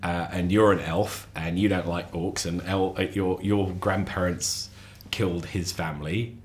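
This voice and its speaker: A man chatting as a podcast guest, lively and animated, often repeating and restarting his words. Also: a little slow, slight background noise. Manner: animated storyteller, acts out quotes with sudden high voices. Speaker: lecturer. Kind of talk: casual chat.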